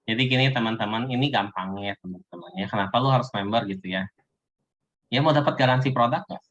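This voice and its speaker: A man giving a casual sales coaching talk, lively, acting out sales pitches to his audience. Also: brisk. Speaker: business presenter. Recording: dull lo-fi recording.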